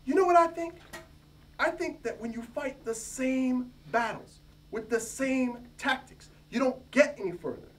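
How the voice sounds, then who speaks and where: Reading from a novel, a man voices a literature professor who is anxious and indignant, high-strung, accusing and emphatic in his insistence. His own delivery is unhurried with a fairly bright tone. The mic is distant, picking up faint room noise.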